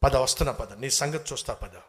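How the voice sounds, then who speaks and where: A proud, heavy lion grumbles gruffly, as a preacher acts him out. He sounds baffled and a little put out. A plain storybook voice. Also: medium pitch, brisk, a bit bright, big-room sound, voice pushed down, lightly acted.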